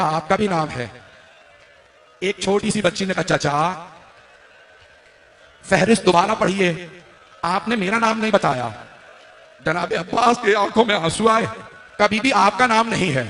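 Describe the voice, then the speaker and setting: High, gravelly-voiced man reciting a lament. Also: unhurried, long pauses, fairly bright tone. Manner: impassioned, lamenting, climbing to tearful cries. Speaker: Shia religious orator. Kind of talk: mournful majlis sermon recital.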